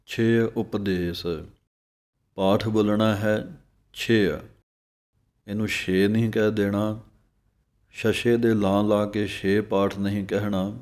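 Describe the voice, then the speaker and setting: Man with a Punjabi accent, low flat voice, teaching recitation at a very slow pace. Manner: slow, drawn-out recitation alternating with explanation. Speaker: religious teacher. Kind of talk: slow pronunciation lesson.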